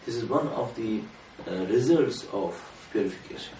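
A man with a fairly low voice delivers an earnest, measured sermon, pressing harder on key points. He sounds set back from the mic in an echoing room, with a faint hiss underneath. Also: animated, warm tone. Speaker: religious speaker. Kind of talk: sermon to a small gathering. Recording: roomy room from a distance, faint noise.

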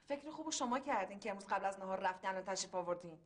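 An actress playing a quarrelsome, sharp-tongued woman in a TV drama. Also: mid-range voice, animated, lightly acted. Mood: bickering. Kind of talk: TV drama acting.

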